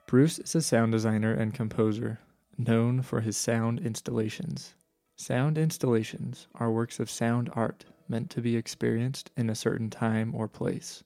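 A man hosting a travel show, reading scripted narration in a measured, storytelling way. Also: mid-range voice, level tone, vocal fry, mellow, dry recording, soft background music.

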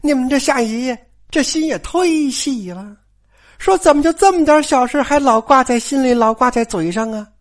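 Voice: sits high, normal speed, voice pushed up, lightly acted. A storyteller putting on a sly, sweet-talking noblewoman. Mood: teasing. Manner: sweet-talking, coaxing, then sharp and scolding. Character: sly, smooth-talking noblewoman steward of a great house. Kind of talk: storyteller acting a character.

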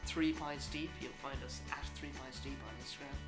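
A man's voice: medium pitch, flat delivery, a little fast. An Irish man hosting a casual podcast chat among friends. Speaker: podcast host. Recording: roomy echo, music behind.

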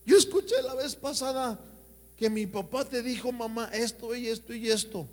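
A man voicing a child who repeats what the parents said, in a high tattling tone. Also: moderate pace, darkish tone, long reverb tail.

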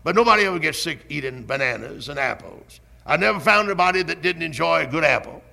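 A man preaching with a heavily gravelly, sharp-edged voice that sits somewhat high. He drives his points home emphatically, with slow, deliberate repetitions. He has the cadence of a pastor in the pulpit. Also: animated. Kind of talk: sermon.

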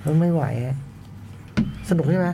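A man's voice: on the high side, steady tone, moderate pace, background noise. A man co-hosting a podcast in casual chat, bantering and teasing his co-hosts. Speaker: podcast co-host.

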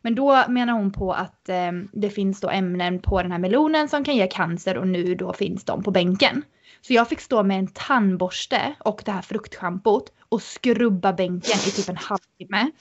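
A woman guest on a podcast, telling a story in an animated, casual way with many fillers. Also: mid-range voice, muffled recording.

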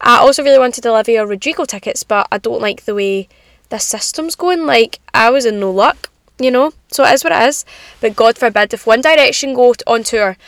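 A young woman chats casually and confidingly as a solo podcast host, in animated girly slang, from inside a parked car in the rain. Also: on the high side, fairly quick, no room sound, studio quality. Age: young adult.

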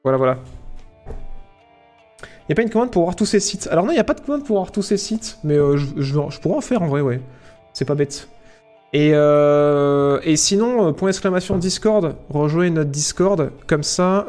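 Male streamer, slightly high voice, chatty and playful with viewers, soft music bed behind. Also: expressive, normal speed. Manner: chatty and playful, tosses in sound effects like "paf" and "bam". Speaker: livestreamer answering chat. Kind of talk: casual livestream chat.

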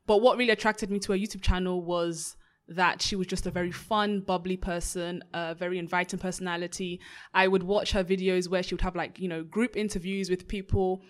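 A woman's voice: lowish voice, flat delivery, brisk. Upbeat young woman podcast host. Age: young adult. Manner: upbeat, warm faith talk with frequent praise. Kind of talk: casual podcast conversation.

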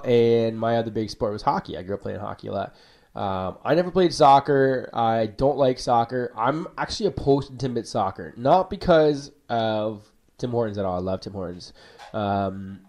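A young man hosts a casual church podcast chat in an upbeat, slangy way. His voice sits at an ordinary pitch for a man. He talks easily and loosely with his co-host. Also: animated, normal speed, a little mellow. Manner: slangy and upbeat, says bro and wicked.

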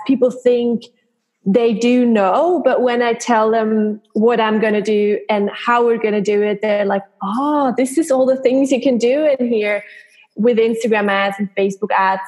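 Higher-pitched woman explaining things casually. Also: darkish tone. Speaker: interview guest, freelance social media marketer.

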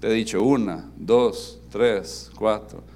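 A man preaching a sermon as pastor, animated and interactive, asking his congregation questions and dropping to soft, emphatic tones. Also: on the low side, slow, a little hiss or hum. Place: church service with congregation.

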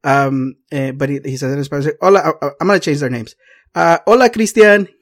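A man's voice: mid-range voice, fairly quick. A man telling a story in casual chat, swearing and laughing often, switching between English and Spanish. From Mexico.

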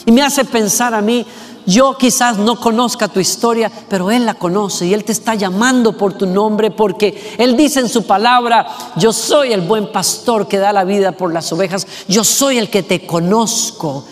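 A man preaching a sermon with passion, asking rhetorical questions and slowing down to stress words. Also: sits high. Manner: impassioned, rhetorical questions, slows for emphasis. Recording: long reverb with faint music.

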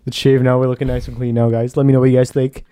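A man's voice: mid-range voice, flat delivery, rapid-fire, warm tone, clear, resonant tone, dry recording. A young man with a western Canadian accent, co-hosting a podcast with casual banter full of slang like "yo" and "bro". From Surrey, British Columbia, Canada. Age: young adult. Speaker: podcast co-host.

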